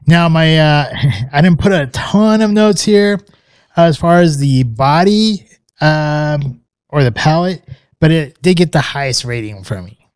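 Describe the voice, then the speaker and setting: Reviewing scotch as a podcast co-host, this man talks in a relaxed, hesitant ramble packed with fillers and restarts. His voice is fairly high, clear and resonant, and he takes his time. The recording is dry and studio quality.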